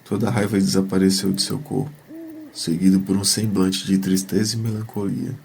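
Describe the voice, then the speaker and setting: A man's voice: low voice, level tone, brisk, creaky, a little mellow, a little hiss or hum. A man narrating a scripted fantasy story as the narrator of an audio drama.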